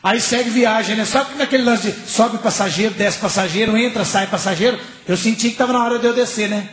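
A man's voice: high voice, brisk. A man telling a long funny story on stage, chatty and laughing through his lines. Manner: chatty, laughing through lines, mimics shouting bus riders. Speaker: stand-up comedian. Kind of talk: storytelling stand-up. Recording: echoey stage with faint noise.

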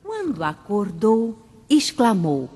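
A woman reading a rhymed children's story for radio in a slow, sing-song way. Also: mid-range voice, very animated, a little mellow, slightly rough, long reverb tail.

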